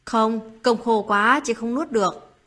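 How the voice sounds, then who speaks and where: A woman voicing a sad, gentle young sister-in-law in a read-aloud story, speaking softly with a husky voice. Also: a little high, unhurried.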